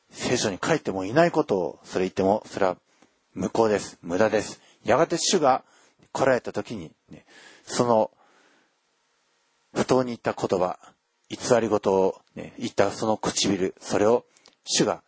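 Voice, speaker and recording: A man preaching a sermon and reading scripture aloud, earnest and emphatic, with frequent filler pauses. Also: fairly low pitch, animated, slightly rough, no room sound. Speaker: pastor.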